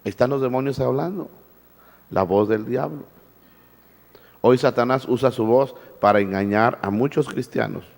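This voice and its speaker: A man's voice: medium pitch, normal speed, gravelly, pauses often, darkish tone, big-room sound. A male pastor preaching a sermon, firing rhetorical questions at the congregation and repeating his words. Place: church.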